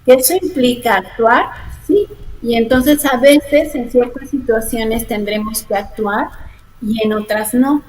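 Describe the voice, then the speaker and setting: An adult woman, a therapist giving measured, reflective interview answers that slow down to stress key points. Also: a little high, slight background noise, poor audio. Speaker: logotherapist and thanatologist guest. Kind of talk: calm explanatory interview answers.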